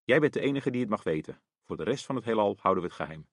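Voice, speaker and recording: A man voicing a cheerful, proud father in a read-aloud story, speaking with bright, beaming excitement. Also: on the low side, quick pace, no room sound, clean studio sound. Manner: jolly, beaming.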